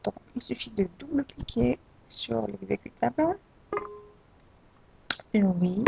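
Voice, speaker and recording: A woman narrating a screen-recorded software tutorial, hesitant and full of fillers and restarts. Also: fairly high pitch, lively intonation, takes it slowly, gravelly, background noise. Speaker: tutorial presenter. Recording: dull lo-fi home recording.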